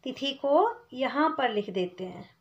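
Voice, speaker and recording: A woman teaching small children to read, patiently explaining step by step and sounding out syllables slowly and clearly. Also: sits high, big pitch swings, muffled recording. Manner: addresses listener as "beta", checks in with "theek hai" often. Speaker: Hindi teacher for young children. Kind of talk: slow patient classroom explanation.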